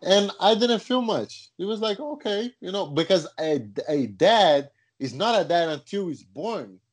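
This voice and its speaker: A man from Brazil telling a personal story in a casual chat, animated and rising in pitch as he gets excited. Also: measured pace.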